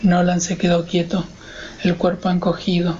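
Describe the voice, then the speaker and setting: A man narrating a horror audiobook in a measured, steady voice. His pitch stays almost perfectly flat from line to line. The recording sounds dull and lo-fi, with a faint hiss beneath the voice. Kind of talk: scripted narration of a horror story.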